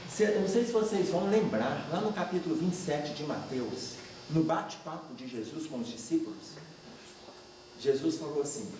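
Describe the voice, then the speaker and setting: A man gives a religious study talk with a lively pitch that jumps around. He is heard from a distance in a very echoey large hall, with faint noise underneath. He keeps turning to the audience with questions. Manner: animated, asks the audience questions. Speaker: lecturer.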